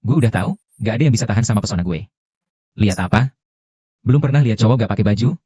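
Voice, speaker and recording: An actor dubbing a cocky, vain young rich boss in a drama series, talking in a smug, teasing way. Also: male voice, lowish voice, lively intonation, fast talker, warm tone, slightly rough, no echo, studio quality. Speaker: dub actor. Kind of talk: Indonesian dub of a drama series.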